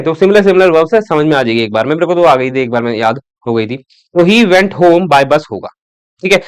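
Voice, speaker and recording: A man teaching an exam-prep English grammar lesson in a Hindi-English mix, explaining step by step, checking in with "ठीक है" and reading English example sentences slowly. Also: a little high, clean tone, no echo.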